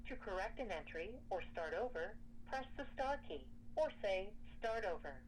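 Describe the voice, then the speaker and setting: A woman delivers scripted phone menu prompts at a medium pitch. Her manner is measured and formal, like an automated attendant giving options. The telephone recording carries some faint noise. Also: animated. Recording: noisy telephone line recording.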